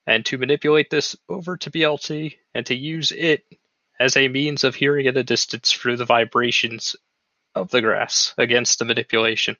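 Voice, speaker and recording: A man's voice: medium pitch, steady tone, normal speed, bright, forceful tone, no room sound. A man playing a tabletop game, thoughtfully explaining his plans in detail. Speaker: player. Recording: dry, slightly muffled mic.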